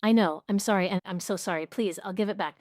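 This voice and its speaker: A woman's voice: medium pitch, fast, darkish tone, dry recording, close to an everyday voice. A woman voicing a desperate, broken middle-aged stepmother who begs through tears, in a dry recording. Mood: pleading, tearful. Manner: begging, tearful.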